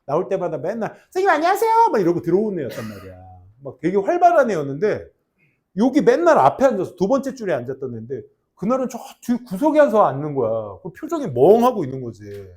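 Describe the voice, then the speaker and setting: A man teaching an English class to high school students, mixing grammar explanations with jokes and teasing. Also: quick pace. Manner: animated, jokey, teasing students between grammar points. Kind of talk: classroom lecture with banter.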